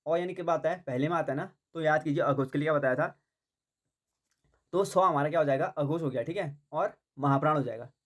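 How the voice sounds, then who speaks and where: A man teaching a Hindi grammar lesson for exam preparation. He asks questions and answers them himself, repeats points often, fills gaps with "theek hai" and mixes English words into his Hindi. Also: on the high side.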